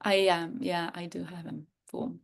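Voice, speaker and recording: An Italian woman in her thirties, a coach and hypnotherapist, speaks with an Italian accent as a guest in a casual interview conversation, talking expressively and sometimes searching for words. Her voice is fairly low and gravelly, with a flat delivery at a measured pace.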